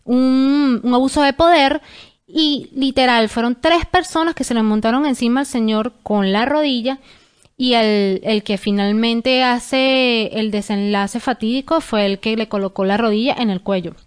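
A young adult woman co-hosting a casual podcast, explaining things in an earnest, steady way. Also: on the high side, normal speed, smooth. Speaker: podcast co-host.

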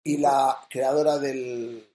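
A man's voice: mid-range voice, steady tone, takes it slowly, dark tone, reverberant. A man co-hosting a casual chat show, reading news items in a conversational way. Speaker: co-host. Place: small room at home.

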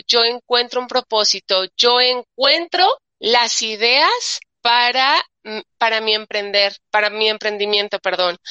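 A woman hosting a spiritual talk show, reading out viewer comments and giving gentle, repetitive advice. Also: fairly high pitch, clear, resonant tone, no echo. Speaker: host.

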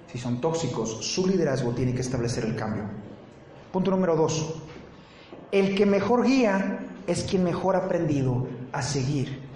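A man's voice: medium pitch, a little mellow, reverberant, slight background noise, low-quality recording. A man preaching a sermon as pastor, talking conversationally, putting questions to the congregation and dropping joking asides. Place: church.

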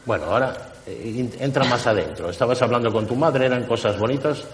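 A man leading a guided hypnosis session, slowly and insistently questioning someone about a memory. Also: medium pitch, reverberant, in a large hall.

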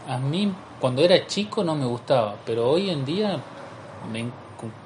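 A man's voice: mid-range voice, lively intonation, moderate pace, darkish tone, a little hiss or hum. Hesitant man chatting. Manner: hesitant, many restarts and fillers. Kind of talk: casual chat.

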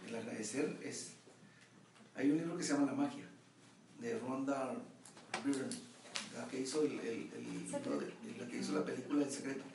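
A man's voice: mid-range voice, animated, normal speed, pauses often, darkish tone, slight background noise. A man with a Mexican accent leading a group session, making emphatic points and checking that everyone understands. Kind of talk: instructive group talk. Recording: echoey room, far from the mic.

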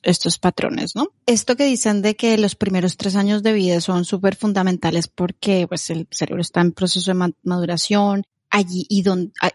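A woman's voice: lowish voice, a little mellow, no room sound. Dry-sounding woman host. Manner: curious, thinking aloud. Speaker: podcast host. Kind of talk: conversational interview.

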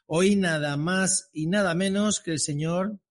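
Male podcast host, voice a bit high; excitable, repeats words, trips into his questions. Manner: halting, repeats words, enthusiastic. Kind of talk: casual interview.

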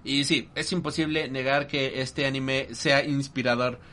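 A man's voice: medium pitch, a little slow. A man, talking casually and emotionally about an anime with many fillers. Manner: animated, emotional, filler-heavy. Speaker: anime reviewer co-host. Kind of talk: casual chat.

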